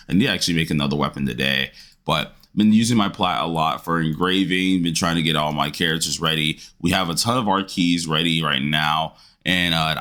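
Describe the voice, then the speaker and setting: A man's voice: a bass voice, fairly bright tone. A man hosting a gaming channel with a groggy morning voice, rambling casually through a game update and leaning on filler words.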